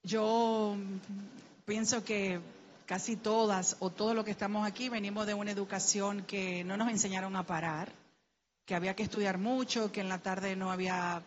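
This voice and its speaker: On a panel, a middle-aged woman from the Dominican Republic gives earnest, heartfelt testimony in a Dominican Spanish accent, eventually urging listeners with rising urgency to act. Her mid-range voice moves at a moderate pace with fairly even intonation, captured in a muffled recording with slight background noise.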